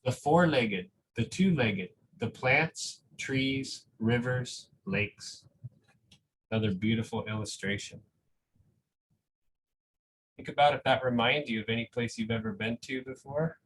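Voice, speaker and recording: This is a school reader, a man with a medium-pitched, slightly bright voice, going through a picture book for families at a somewhat slow pace. His casual remarks are warm and encouraging, often punctuated by "right?", though the poor audio carries noticeable background noise.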